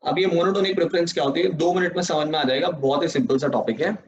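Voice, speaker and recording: A male economics teacher giving an online class, dictating definitions slowly with repetition and then explaining casually, with an Indian English accent. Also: fairly high pitch, husky, dull audio.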